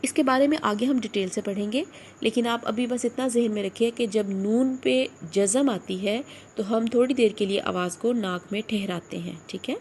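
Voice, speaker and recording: A woman teaching a tajweed lesson. She recites each letter sound slowly and repeats it several times, and after each point she checks in with the listener with a quick "okay?". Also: on the high side, a little mellow, a little hiss or hum.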